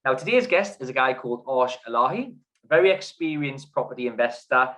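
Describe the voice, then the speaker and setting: A man's voice: medium pitch, lively intonation, fairly quick, a bit bright, low-quality recording. A chatty male podcast host with a mid-range voice, introducing and questioning his guest. He talks casually and laughs easily. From Newcastle area lived. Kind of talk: casual interview.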